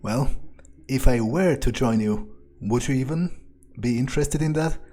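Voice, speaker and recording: Playing through a game, a man comments in character, musing casually and swearing freely. His voice is mid-range and dark-toned, at a moderate pace.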